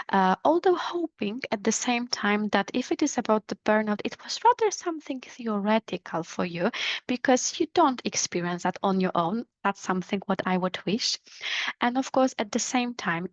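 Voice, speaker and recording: A woman presenting an online webinar over a video call, explaining in a measured way and speaking directly to her listeners. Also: medium pitch, no echo. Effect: heard over a video call. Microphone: video call microphone. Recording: slightly dull, dry video call audio.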